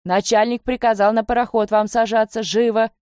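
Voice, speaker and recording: A woman's voice: mid-range voice, steady tone, fairly quick, darkish tone, no room sound, studio quality, lightly acted. A woman voicing a fierce armed horseman who barks orders in broken, clipped speech. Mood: commanding. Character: fierce armed horseman, grown man, loyal to his word.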